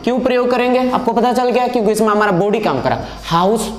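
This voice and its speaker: A man's voice: high voice, quick pace, reverberant, a little hiss or hum. A man teaching an English grammar lesson, repeating words over and over for students to copy and scolding those who don't follow along. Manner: drills pronunciation by repeating words, mixes English into talk. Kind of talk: classroom lecture on video.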